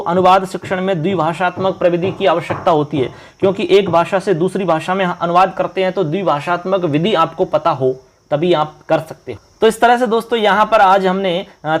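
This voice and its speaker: Man, teacher, quizzing viewers, slightly high voice. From India. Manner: quizzing viewers, reading options slowly. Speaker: exam-prep teacher. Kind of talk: online exam-prep lesson.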